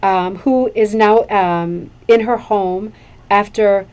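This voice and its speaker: This woman's mid-range voice is clear, resonant and a little mellow, with fairly even intonation and a slow pace. Presenting hooked rugs sent in by viewers, she rambles casually and gushes, repeating phrases to stress them.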